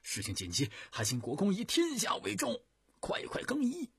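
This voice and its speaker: A fiercely devoted young officer pledges himself in high, ringing cries, as a male storyteller puts him on. The husky voice leaps across a wide pitch range, recorded dry and close. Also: wildly swooping pitch, normal speed, dry recording, full character voice. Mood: urgent, defiant. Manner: loud, high-pitched, fervent declaiming. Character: loyal young male officer, fervent and self-sacrificing.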